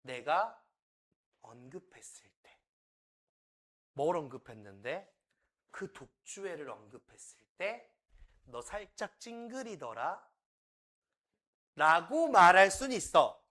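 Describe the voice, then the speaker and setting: Lively Korean man teaching English. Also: sits high, takes it slowly, long pauses. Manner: animated, acts out dialogue lines; repeats key points, addresses students directly. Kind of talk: exam prep lecture.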